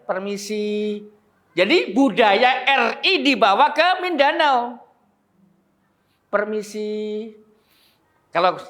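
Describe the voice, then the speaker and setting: A man's voice: very high voice, sharp tone. A man giving a religious lecture, telling emotional stories and talking straight to the audience. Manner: conversational, addresses audience directly, emotional storytelling. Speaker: preacher. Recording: echoey room.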